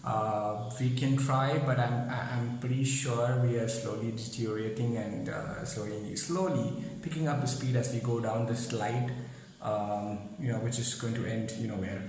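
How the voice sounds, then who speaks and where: Man, mid pitch, rambling and hesitant, recorded in a very echoey room with faint ambience. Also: fairly even intonation, moderate pace, darkish tone, a little hiss or hum. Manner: rambling, many fillers and restarts. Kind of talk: casual video answer.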